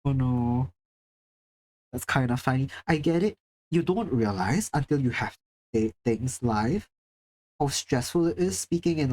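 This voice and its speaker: A Singaporean livestreamer with a mid-range, darkish voice chats casually with viewers and reads out chat. They're talkative and self-deprecating, and swear from time to time.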